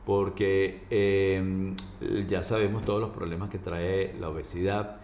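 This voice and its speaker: Casting: male doctor as interview guest, deep voice, halting explanatory delivery, roomy sound. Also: level tone, a little mellow. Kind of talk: informal medical explanation in an interview. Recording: roomy echo, faint background noise.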